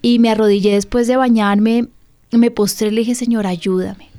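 A woman's voice: a little high, level tone, normal speed, mellow. Candid woman pastor on radio. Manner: candid, conversational, asks listeners direct questions. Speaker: pastor and radio program host.

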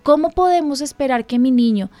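A woman pastor and radio host speaks with earnest emphasis, slightly high in pitch. The sound is dry and close, with no room behind her. She talks through parenting points in a conversational way. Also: brisk, dark tone, no echo. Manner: earnest, emphatic, acts out dialogue with her child. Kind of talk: conversational parenting advice talk.

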